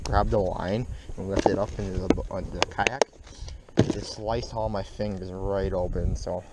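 A young man with a Midwestern American accent giving upbeat casual commentary while fishing from a kayak on a lake, recorded on a head-mounted action camera. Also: on the low side. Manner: upbeat, chatty, talks while working the rod. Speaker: fishing vlogger. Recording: noisy outdoor camera audio.

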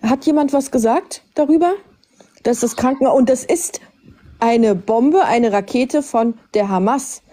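Female live debater, raised pitch with a mellow tone, pressing her points through insistent questions. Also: measured pace.

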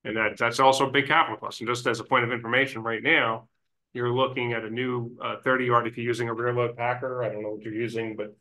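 A man's voice: medium pitch, little pitch movement, fast talker, sharp tone. A man giving informal, explanatory background at a town council meeting. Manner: explanatory, informal, restarts often. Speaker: waste industry advisor. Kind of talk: public meeting discussion. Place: council chamber.

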